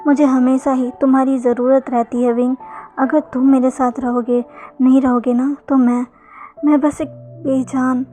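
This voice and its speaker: An anxious, devoted young lover from a storybook romance, as a woman narrator puts him on. He pleads and stammers when frightened. The voice stays high and light, with faint music underneath. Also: level tone, measured pace, mellow.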